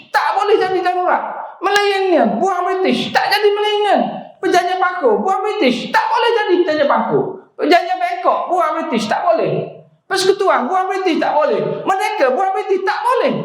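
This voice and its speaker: A man's voice: extremely high pitch, fairly bright tone. A man giving a public lecture with an emphatic, rhetorical delivery, often prompting listeners with a questioning "ha?". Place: prayer hall. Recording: echoey hall recording.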